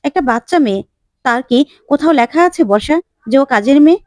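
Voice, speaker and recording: A woman's voice: sits high, animated, a little fast, darkish tone, no room sound, clean studio sound. Woman reading a stern family man. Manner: stern, lecturing. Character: stern protective man of the house.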